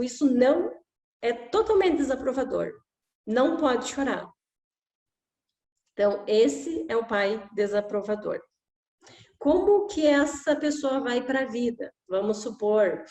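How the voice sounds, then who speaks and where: A woman's voice: fairly high pitch, darkish tone. Woman, echoey room. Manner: conversational, with frequent "né?" tags and acted examples. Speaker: emotional education coach. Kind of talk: informal talk to camera.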